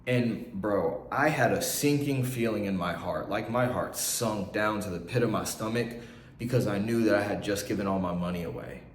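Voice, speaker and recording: A young man telling an emotional personal story to camera, earnest and halting, close to tears. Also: fairly low pitch, a little hiss or hum. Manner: earnest, halting, with many restarts. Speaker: vlogger. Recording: echoey room.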